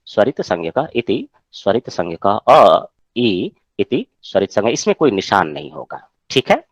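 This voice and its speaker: जीवंत उतार-चढ़ाव वाली आवाज़ में पढ़ाता पुरुष शिक्षक. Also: male voice, on the low side, very animated, normal speed, no echo. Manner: explains patiently, checks with students often. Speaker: Sanskrit teacher. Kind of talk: online class lecture.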